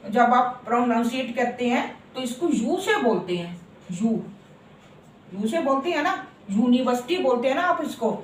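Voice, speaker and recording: A woman with a somewhat high voice teaches a grammar lesson. She says key words over and over, stretching them out, and keeps asking the listener to agree. She is recorded from some distance in a roomy, echoey space with faint noise behind her. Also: animated. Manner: repeats words slowly and asks for agreement. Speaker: English teacher. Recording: echoey room from far off.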